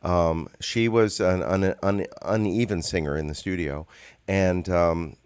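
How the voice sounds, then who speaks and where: Low-voiced man in casual chat. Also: unhurried, a little mellow, clear, resonant tone. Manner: rambling storyteller, many ums and restarts. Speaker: songwriter co-host. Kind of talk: casual conversation.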